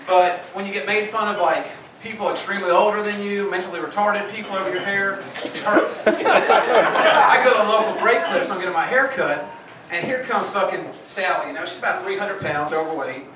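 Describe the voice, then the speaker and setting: A young man doing a crude, rambling stand-up comedy set on a club stage, with audience laughter behind him. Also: moderate pace. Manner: crude, rambling, puts on high voices for women. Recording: far from mic, echoey club, loud noise.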